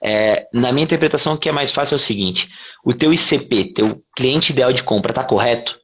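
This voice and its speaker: A man from Brazil, a company CEO, talking casually in an interview, quick and animated, swearing freely and acting out what clients say. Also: mid-range voice. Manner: fast, animated explaining with swearing and acted-out quotes.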